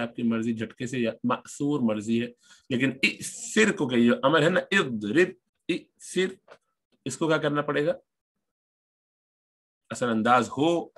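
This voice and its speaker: A man's voice: medium pitch, a bit bright. Man patiently teaching Arabic grammar. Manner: patient, repeats each form slowly while explaining. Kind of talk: recorded lesson explaining grammar.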